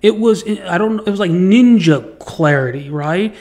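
Slow-talking high-voiced man telling a story. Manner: animated storyteller, acts out voices and sound effects; swears freely, repeats words when excited. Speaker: podcast host. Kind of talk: casual storytelling monologue.

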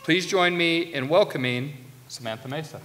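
A man's voice: fairly high pitch, moderate pace, heavy background noise. A middle-aged man formally introducing a speaker at a ceremony, reading from notes. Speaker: school administrator introducing the speaker. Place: large auditorium stage. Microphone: podium microphones. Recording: long hall reverb.

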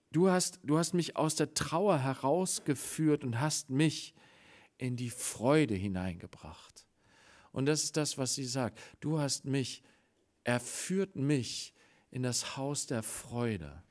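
A man preaching a Sunday sermon in a church, swinging between loud exclamations and hushed, quiet passages, and acting out the voices of the story he tells. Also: mid-range voice, expressive, slow, long pauses. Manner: acts out quoted voices in the story.

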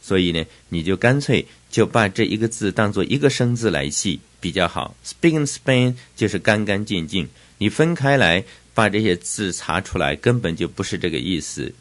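An older man teaching English vocabulary in Chinese, spelling words out letter by letter and slowing down on each English term. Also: on the low side, animated.

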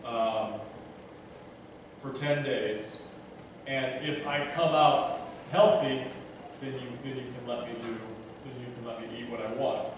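A medium-pitched, steady voice comes a little slow from a preacher in his thirties at the pulpit. His sermon is casual and conversational, self-deprecating, and peppered with restarts, fillers and occasional stumbles. Recorded from a distant camera off the pulpit microphone, the church echoes and there's a little hiss or hum.

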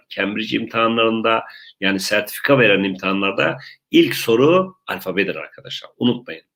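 A man's voice: medium pitch, fairly bright tone. Turkish man teaching English basics. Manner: repetitive, addresses viewers as friends. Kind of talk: online English lesson for beginners.

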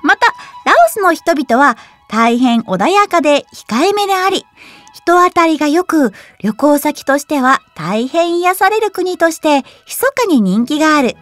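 Young woman radio host, high and bouncy, giggles a lot, reads trivia then chats, faint music under. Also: very animated, a little slow, fairly bright tone, dry recording. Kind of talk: casual quiz chat and reading aloud.

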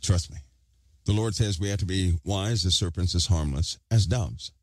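A man's voice: low voice, normal speed, no echo. A man preaching an online sermon, emphatic and repeating phrases for stress, talking with a hard object held in his mouth.

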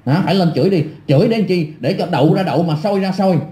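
A man's voice: high-pitched, racing, mellow, echoey room. A middle-aged man delivering an angry, scornful rant full of insults and repetition. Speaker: online commentator. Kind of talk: angry ranting monologue.

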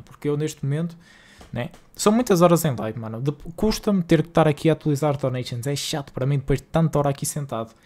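Streaming a game from a room at home, this young man from Portugal talks casually with his viewers, his northern Porto accent coming through in slangy, exasperated banter. His pitch is fairly high, though his tone is dark.

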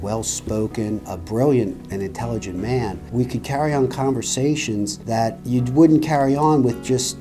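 A middle-aged man in an interview for a wedding video, telling stories in a warm, reflective way. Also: on the low side. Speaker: groom. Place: small office, indoors. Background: soft guitar music.

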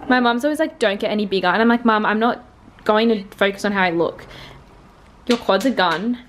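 Filming herself with a handheld camera at arm's length, a twenty-something Australian sprinter chats to her vlog in a casual, slang-filled way. Her mid-range voice runs a little fast. The setting is a small motel room, occasionally just outside, and background noise comes through the camera audio.

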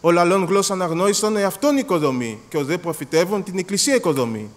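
A Greek man preaching a sermon in a church hall, animated and acting out little dialogues, repeating words as he goes. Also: sits high. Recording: long hall reverb.

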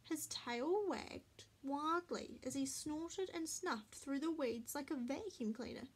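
A woman reading a children's picture book aloud as a storyteller, slow, clear and expressive. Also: sits high.

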